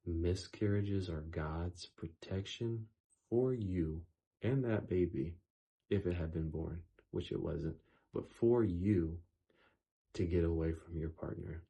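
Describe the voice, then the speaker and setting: A man talking in a casual faith-based vlog, earnest and emphatic, repeating words for stress, his voice going hoarse. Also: low-pitched, slow pace, mellow. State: losing his voice. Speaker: YouTuber.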